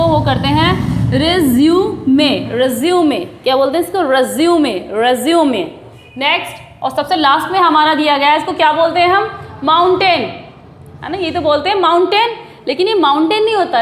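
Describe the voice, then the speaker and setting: A woman's voice: high voice, slight background noise. A woman teaching English pronunciation in Hindi. She drills each word by repeating it several times and asks questions back to her viewers. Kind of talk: classroom-style pronunciation lesson. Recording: echoey room with faint ambience.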